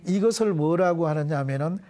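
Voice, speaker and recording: A middle-aged man leading a Buddhist prayer and explaining scripture terms to a class in a deliberate, measured way. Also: a little high, warm tone. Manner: deliberate, measured, leads call-and-response repetition. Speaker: Buddhist dharma teacher. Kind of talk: devotional prayer and explanatory dharma lecture.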